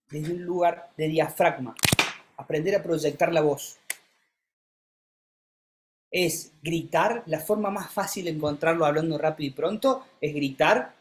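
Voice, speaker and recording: A speaking coach, teaching a live masterclass and calling on students by name, who keeps changing pitch and pace to show what is meant. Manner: demonstrative, shifts pitch and pace to illustrate; coaxing, calls on students by name.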